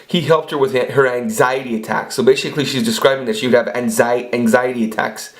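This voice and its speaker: Speaking fast in a steady, mid-range voice, a forties-aged male vlogger spins crude, wandering anecdotes. The monologue is casual, full of swearing and repeated false starts.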